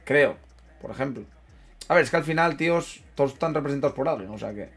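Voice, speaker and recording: A young man giving casual commentary while playing a football management game, chatting with viewers, swearing and yelling at big moments, then muttering low. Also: lively intonation, fast talker, husky. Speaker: gaming streamer. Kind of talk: casual live gameplay commentary.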